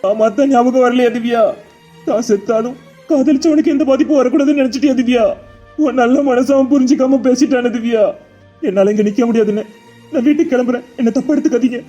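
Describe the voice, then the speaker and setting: A man doing a grieving relative, high and quick. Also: steady tone, mellow, soft background music. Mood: heavy. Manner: lamenting, pleading. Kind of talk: Tamil cartoon voice acting.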